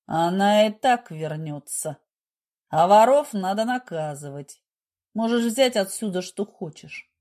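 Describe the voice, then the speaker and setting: A woman voicing a smug, menacing middle-aged businessman who speaks with low, slow, mock-gentle condescension. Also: expressive. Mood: cold. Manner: condescending, turns harsh.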